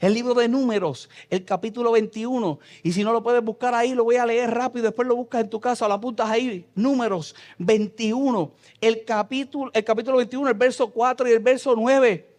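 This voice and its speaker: A Puerto Rican man preaching a sermon as pastor, reading scripture and swinging between loud passages and soft asides in a church. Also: very high voice, steady tone, fairly quick. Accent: Puerto Rican Spanish. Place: church sanctuary.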